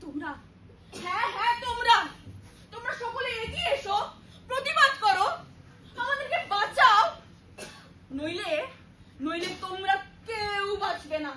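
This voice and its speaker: A woman's voice: very high-pitched, sharp tone, full character voice. Woman playing a weeping nature goddess. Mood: grave, urgent. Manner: wailing, pleading, slow and drawn out. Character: weeping female nature goddess, mother of all life. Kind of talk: stage drama acting. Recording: echoey hall from far off, background noise.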